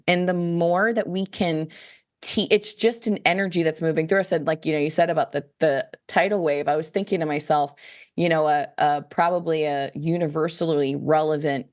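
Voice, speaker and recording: Woman, low pitch, casual podcast chat, animated, acts out quotes, filler-heavy. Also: moderate pace. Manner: animated, acts out quoted voices, many "like, you know" fillers. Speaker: guest, children's book author.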